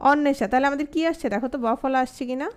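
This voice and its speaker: A woman with a Bangladeshi Bengali accent teaching an online grammar class. She asks the students many questions and repeats example words slowly. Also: high-pitched.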